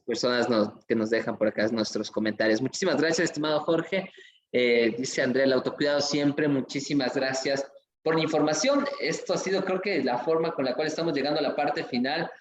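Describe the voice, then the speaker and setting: A man's voice: medium pitch, fairly quick. A man hosting an online conference, effusive and promotional, reading out viewer comments. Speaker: event host. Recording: echoey room with faint music.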